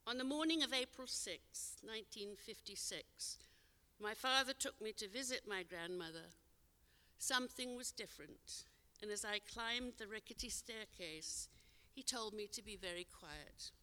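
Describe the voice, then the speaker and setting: A woman's voice: medium pitch, measured pace, bright, forceful tone. Older woman telling a memoir in a hall. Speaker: storyteller. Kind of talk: told personal memoir on stage. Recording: long hall reverb.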